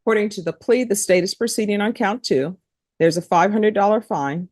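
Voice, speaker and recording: Presiding over a courtroom hearing, this female judge questions people formally and procedurally, spelling names out as she goes. Her voice is medium in pitch with a darkish tone, and she talks fairly quickly. The studio-quality recording has no echo.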